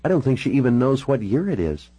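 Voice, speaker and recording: A man's voice: mid-range voice, sing-song, quick pace, mellow, husky, no echo, pitched above the performer's own voice. A man voicing a polite, direct young woman in an audiobook. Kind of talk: audiobook character voice.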